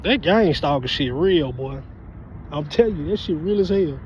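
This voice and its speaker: A man talking in a casual, animated street-side vlog outdoors, sitting outside his house and often asking "you hear me". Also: on the high side, normal speed. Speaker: vlogger. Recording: slightly dull phone audio with faint street noise.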